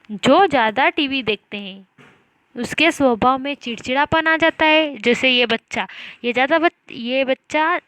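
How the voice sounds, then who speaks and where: A woman teaching a primary school class, reading words slowly syllable by syllable and asking the children questions. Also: high-pitched, fairly bright tone, no room sound. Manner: slow, syllable-by-syllable reading drills with repeated questions. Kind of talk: online class lesson.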